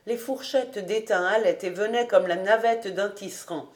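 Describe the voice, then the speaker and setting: A woman reading a classic novel aloud as an audiobook narrator, with an expressive delivery. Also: mid-range voice, normal speed. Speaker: audiobook reader.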